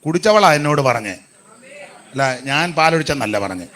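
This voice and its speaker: A man preaching a sermon in an animated way, rising to shouts and dropping to soft asides. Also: fairly high pitch, moderate pace, a little hiss or hum.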